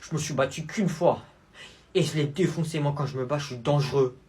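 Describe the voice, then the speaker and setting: A man's voice: a little high, a little fast, darkish tone. A man acting in comedy sketches, talking in a boastful, swaggering way.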